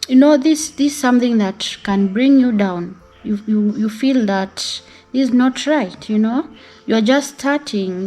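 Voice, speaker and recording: A woman with an East African accent talking casually to the camera as a vlogger, hesitant, with frequent pauses and "you know" dropped in. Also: fairly high pitch, mellow. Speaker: YouTube vlogger.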